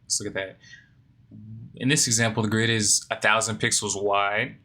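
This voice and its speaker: A sleepy, yawning man studies a coding lesson, reading the text aloud before musing and questioning himself as he tries to make sense of it. His voice sits on the low side with little pitch movement, moving at a moderate pace with a pushed, bright quality.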